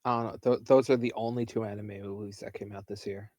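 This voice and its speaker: A man's voice: fairly low pitch, steady tone, fast talker, a little mellow, dry recording. A young man co-hosting a podcast, chatting casually with dry, laid-back quips. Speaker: podcast co-host. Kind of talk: casual chat.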